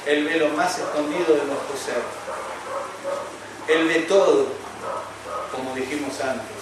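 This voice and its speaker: A man preaching a sermon as pastor, quoting scripture slowly and emphatically and rising to loud, fervent passages. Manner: builds to loud, high-pitched fervent preaching; quotes scripture with slow, emphatic delivery. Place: church. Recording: echoey church hall, distant mic, noisy.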